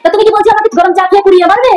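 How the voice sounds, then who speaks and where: A woman playing a scolding mother-in-law in a comedy skit, talking fast. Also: very high-pitched, fairly even intonation, roomy sound, a crowd in the background, rough recording.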